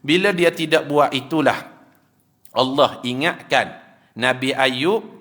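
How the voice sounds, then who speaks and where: A man's voice: mid-range voice, slow. A man preaching with a Malaysian Malay accent, telling stories animatedly and acting out the dialogue. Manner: animated storytelling, acts out dialogue, chuckles. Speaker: religious teacher. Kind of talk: sermon. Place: prayer hall.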